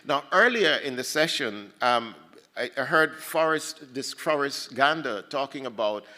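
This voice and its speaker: Long hall reverb surrounds this reflective panel talk at a poetry festival, where a man from Ghana speaks with lively intonation in a medium-pitched, sharp-toned voice. He is thoughtful but halting, with frequent restarts and repeated words as he works through his ideas out loud.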